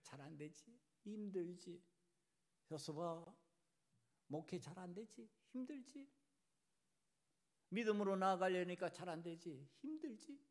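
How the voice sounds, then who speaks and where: A soft, consoling male voice of the Lord, tender and reassuring, as a preacher puts it on mid-sermon. He speaks in hushed, gentle questions, high-pitched and sing-song in its rise and fall. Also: animated, unhurried, long pauses.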